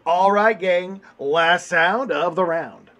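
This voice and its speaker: A man's voice: high voice, slow pace, fairly bright tone. A man hosting a puppet comedy game show with a bombastic showman manner. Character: orange furry host puppet.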